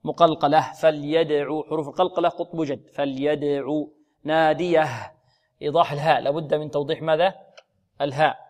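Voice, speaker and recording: A middle-aged man teaching Quran recitation to a class, with a voice pitched a little high. He asks a question and answers it himself, then recites words slowly to show how they are read. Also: level tone. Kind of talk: tajweed lesson with recitation.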